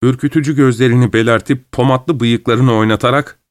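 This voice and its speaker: A man narrating a classic short story in an even, measured reading. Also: mid-range voice, no room sound, studio quality.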